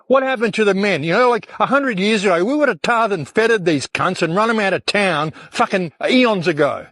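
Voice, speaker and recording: A man's voice: sits high, lively intonation, moderate pace, fairly bright tone, no echo. A man delivering an angry, profane rant, cursing constantly.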